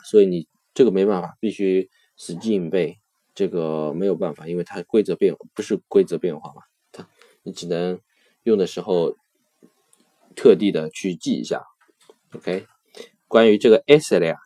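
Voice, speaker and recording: A male language teacher explaining grammar in a deep voice, recorded dry and close. He is patient and slows down to repeat key verb endings several times. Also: darkish tone, dry recording.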